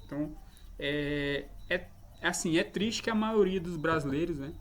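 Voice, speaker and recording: A man's voice: on the high side, measured pace, a little hiss or hum. A man with a Brazilian Portuguese accent giving an improvised, hesitant commentary on a book, explaining poetic meter with frequent tag questions.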